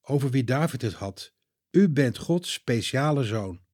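A man voicing the disciple Peter, an impulsive and eager grown man, speaking loud and excited in a children's story reading. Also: mid-range voice, unhurried, no room sound, studio quality. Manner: excited, raised voice.

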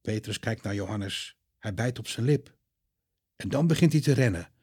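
A man reading a children's Bible story aloud with expressive, dramatic delivery. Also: lowish voice, slightly rough, no room sound, clean studio sound. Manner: lively, expressive, dramatic pauses.

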